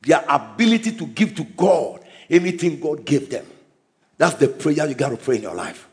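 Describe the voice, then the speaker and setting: A male preacher delivering an emphatic sermon, often shouting and repeating his points. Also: fairly high pitch, animated, normal speed.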